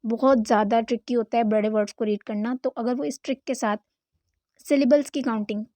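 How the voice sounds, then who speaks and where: A young woman teaching an online English grammar lesson, explaining slowly and mixing in English terms. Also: fairly high pitch, fairly even intonation, a little mellow, no room sound.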